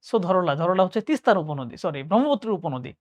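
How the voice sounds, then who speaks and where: A young adult teacher with a Bangladeshi Bengali accent runs an admission exam lesson, reading each question aloud and solving it step by step while thinking aloud and correcting themselves. The voice is medium-pitched and darkish, with big pitch swings and a quick pace, and the recording is dry.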